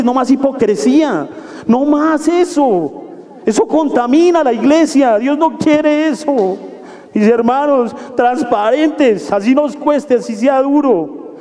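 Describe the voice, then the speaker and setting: A man preaching a sermon as a pastor, fervent and exhorting, moving between soft pleading and raised calls. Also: very high voice. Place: church hall. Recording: echoey hall.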